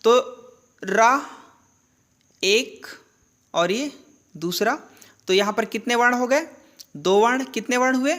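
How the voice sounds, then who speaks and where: A woman's voice: on the high side, takes it slowly, pauses often, a bit bright. A woman teaching a grammar lesson, who asks questions and answers them herself and repeats the key terms. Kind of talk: classroom-style lesson.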